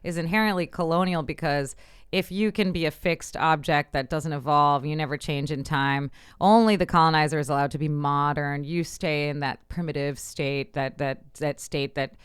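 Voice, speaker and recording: Brief: woman podcast host, very low smooth voice, close dry mic, attentive and thoughtful. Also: steady tone, normal speed, no room sound. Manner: engaged, affirming, theorizing at length. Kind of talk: conversational interview.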